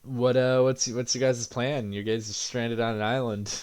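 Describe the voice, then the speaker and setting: A man's voice: mid-range voice, fairly even intonation, normal speed, darkish tone, smooth. A young man running a tabletop game as game master, laughing often and stumbling through many restarts.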